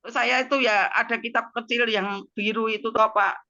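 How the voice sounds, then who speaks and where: A woman's voice: a little high, steady tone, normal speed, sharp tone, dull audio. A woman with a Javanese accent telling her personal testimony over a video call, emotional and full of tag words. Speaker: guest giving a testimony.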